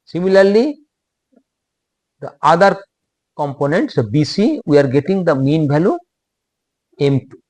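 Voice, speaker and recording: Male lecturer with an Indian English accent, slow and halting, slightly high voice, dry close sound. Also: very animated, darkish tone, no room sound. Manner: slow, halting, repeats phrases.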